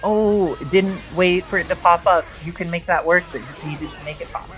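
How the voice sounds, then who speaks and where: A man's voice: high voice, normal speed, a bit bright, soft background music, low-quality recording. A man giving live play-by-play commentary on a fighting game tournament, explaining mechanics and history at length. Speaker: esports commentator.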